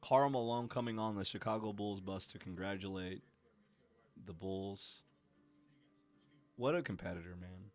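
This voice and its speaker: A man with a fairly low voice hosts a live watch-along show. He talks in a loose, chatty way and calls out to his listeners as he reacts to each moment. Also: unhurried, pauses often. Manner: excited, chatty, addresses listeners as y'all. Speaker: podcast host.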